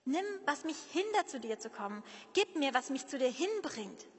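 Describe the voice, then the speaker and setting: Reflective woman with a high voice, reverberant. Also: very animated, moderate pace. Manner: reflective, confessional, addresses listeners directly. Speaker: speaker. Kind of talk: personal devotional talk. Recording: long reverberant room.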